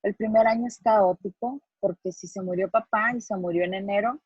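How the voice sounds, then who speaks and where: A woman's voice: mid-range voice, brisk, slightly rough, no echo, dull audio. A middle-aged woman from Mexico, a psychologist, giving an earnest, explanatory lecture to students and acting out the phrases she quotes.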